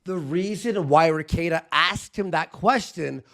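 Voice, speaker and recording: A man giving casual live reaction commentary in an animated, exclamatory way. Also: on the high side, a little slow.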